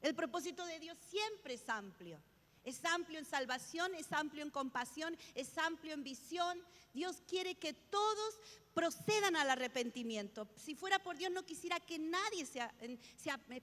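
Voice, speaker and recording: A woman's voice: sits high, long reverb tail. A woman pastor preaching a sermon, emphatic and repetitive, often restarting her words. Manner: emphatic, repeats key phrases, many restarts.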